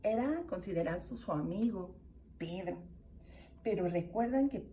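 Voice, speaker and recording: A woman's voice: medium pitch, normal speed, distant mic, slight background noise. A woman with a Mexican accent teaching a children's Sunday school lesson, telling a story and acting out the characters' cries. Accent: Mexican Spanish. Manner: animated, acts out the characters' cries.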